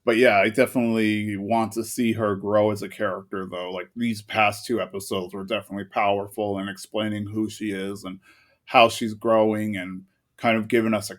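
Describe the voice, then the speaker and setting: A man co-hosting a podcast, talking casually about an anime episode in an easygoing, hedging way. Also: fairly low pitch. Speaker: podcast co-host.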